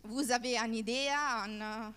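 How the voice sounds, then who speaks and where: Woman running a workshop, non-native french, slow and halting, big echoey room. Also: fairly high pitch, fairly even intonation, a bit bright, clean tone. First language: not French. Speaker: workshop trainer. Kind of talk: informal workshop presentation with questions to participants. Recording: echoey hall with long reverb.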